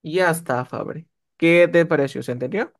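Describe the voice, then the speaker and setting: A man's voice: a little high, moderate pace. A man teaching English one-on-one over a video call, often checking that his student is following. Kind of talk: one-on-one online tutoring.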